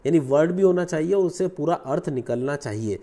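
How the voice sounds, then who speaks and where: Male grammar teacher, slightly high, animated voice, explains in Hindi with English terms. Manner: explains in Hindi, mixing English terms, repeats key words slowly; lively teacherly delivery, asks and answers own questions.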